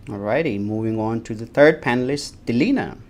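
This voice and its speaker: A man's voice: mid-range voice, animated, a little fast, darkish tone. Guy hosting a live stream, polite formal announcer vibe, medium voice. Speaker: livestream host and moderator. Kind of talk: scripted livestream moderation.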